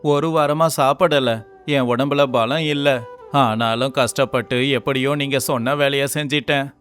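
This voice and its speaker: A man voicing a poor, weary and honest young laborer in an animated story, with a pleading, earnest way of talking. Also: medium pitch, normal speed, soft background music, close to an everyday voice. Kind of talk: storybook voice acting.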